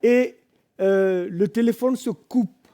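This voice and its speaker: French preacher guy, really high voice, slow and dramatic, goes from hushed to shouting. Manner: dramatic storytelling, swelling from hushed to shouting and singing. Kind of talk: sermon storytelling. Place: church.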